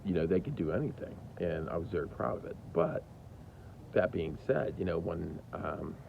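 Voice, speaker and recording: A man in his fifties telling a candid personal story about his kids, animated, with big jumps in pitch. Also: normal speed, creaky. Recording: dull lo-fi recording with faint hiss.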